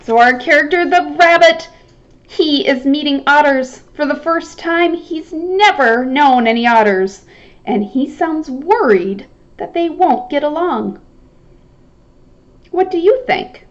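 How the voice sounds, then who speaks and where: A woman reading a story aloud to children and pausing to ask them questions, animated and encouraging like a teacher. Her voice is high and swings widely, at an unhurried pace. The recording sounds slightly dull and lo-fi. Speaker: storytime reader.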